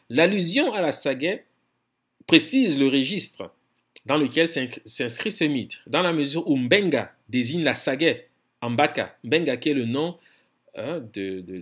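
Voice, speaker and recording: A man giving a scholarly lecture in a firm, insistent tone. He often repeats words while searching for phrasing and slows down to spell out foreign terms. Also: mid-range voice, very animated, fairly bright tone, husky.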